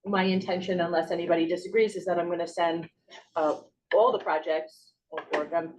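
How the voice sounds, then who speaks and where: Woman running the agenda at a board meeting, low-ish voice, hesitant with ums, heard from across the room with faint hiss. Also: steady tone, a little fast, darkish tone. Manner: casual, hesitant, many ums and restarts. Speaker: agency staff leading agenda items. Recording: distant mic with faint hiss.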